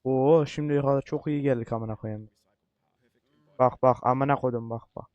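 A man giving let's-play commentary, cursing a lot in frustration and repeating short words while coaching himself to stay calm. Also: mid-range voice, moderate pace, no echo, lo-fi sound. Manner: repetitive outbursts. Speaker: gaming YouTuber.

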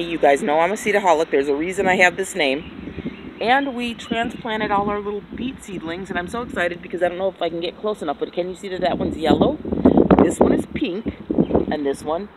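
A woman giving a casual, excitable tour of her backyard garden, recorded on a handheld phone outdoors. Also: fairly low pitch. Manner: chatty, excitable, self-deprecating. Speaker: gardening vlogger. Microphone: handheld phone camera. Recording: outdoor phone audio with background noise.

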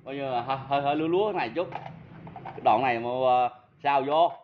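A chatty man with a southern Vietnamese accent shows off used power tools and laughs at his own slip-ups. His voice sits at an ordinary middle pitch. The audio is a little muffled, with faint ambience behind him. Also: racing, slight background noise. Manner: chatty, self-mocking, talks straight to viewers. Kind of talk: casual product demo.

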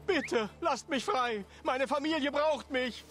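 A man's voice: extremely high pitch, takes it slowly, a bit bright, soft background music, full character voice. An actor playing a desperate captive man in a video game, pleading like a tormented soul.

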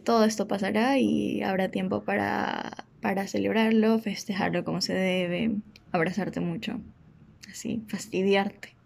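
A woman's voice: medium pitch, creaky. Choked-up woman. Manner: emotional, halting with many fillers. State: tearful, choked up. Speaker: sibling sending birthday wishes. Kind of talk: heartfelt recorded message.

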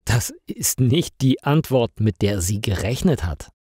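A man reading a story aloud slowly and clearly for language learners, in a scripted narration style. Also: mid-range voice, big pitch swings, darkish tone, no echo, clean studio sound. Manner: slow, clearly articulated reading.

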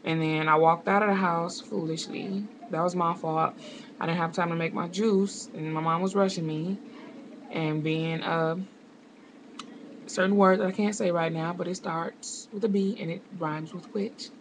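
A woman's voice: fairly low pitch, steady tone, moderate pace, noisy background. A young woman vlogging from home, chatting casually to camera with rambling, sarcastic asides. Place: home indoors.

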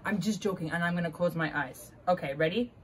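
Her voice is on the low side and fairly quick, and there's a little hiss or hum. The young woman is leading a playful outdoor demo of backyard water games for kids, bubbly and full of jokes and laughter.

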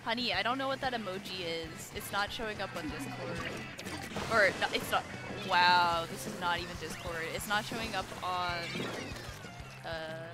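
A woman streaming a video game, chatting casually with viewers in a rambling, excitable way and shouting at the game now and then. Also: lowish voice, normal speed. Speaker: gaming streamer. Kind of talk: casual gaming chat with viewers. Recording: game music behind her voice.

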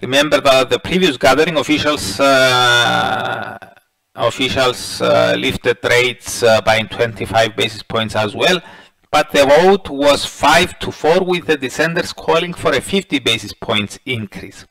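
A middle-aged man presenting a daily market review, reading prepared commentary in a measured way with frequent filler sounds and restarts. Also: mid-range voice, gravelly, sharp tone, rough recording. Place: voice-over over presentation slides.

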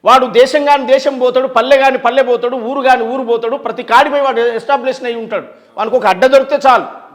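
A man's voice: extremely high pitch, steady tone, fast talker. A man with a Telangana accent speaking as an interview guest, emphatic and full of rhetorical questions and long lists. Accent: Telangana Telugu. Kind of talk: impassioned interview talk.

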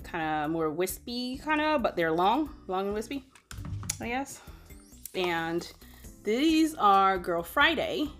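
A young woman chatting casually at home as she reviews and tries a beauty product, with self-deprecating fillers. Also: mid-range voice. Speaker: beauty vlogger.

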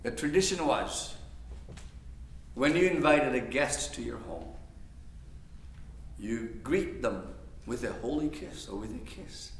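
A man preaching a sermon as pastor, talking straight to his listeners and swinging from hushed, quiet passages to loud, emphatic ones. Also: mid-range voice, expressive, takes it slowly, pauses often, slight background noise. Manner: conversational, asks the audience directly. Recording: echoey church room.

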